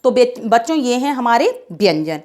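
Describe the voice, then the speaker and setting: A woman with a somewhat high voice gives a children's alphabet lesson. She recites the letters one by one, drawing each of them out. She keeps asking her pupils questions and then answers them herself, in a patient, repetitive way. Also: big pitch swings, normal speed, a little mellow. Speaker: teacher.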